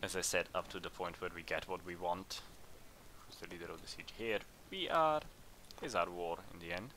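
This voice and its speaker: A man hosting a let's play, chatting casually and thinking aloud as he plays, with bursts of excitement in tense moments. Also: low voice, normal speed, slight background noise. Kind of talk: casual game commentary.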